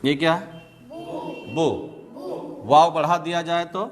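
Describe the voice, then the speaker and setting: A man's voice: fairly high pitch, fairly even intonation, slow pace. A man teaching Quran reading to a class, drilling sounds patiently with call-and-response. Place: classroom with students. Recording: echoey room with loud background noise.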